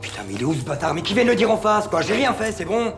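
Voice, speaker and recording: A man's voice: high-pitched, sing-song, full character voice. An actor playing a defiant, foul-mouthed young male suspect under questioning in a crime TV drama. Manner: insolent, mocking, quick to shout.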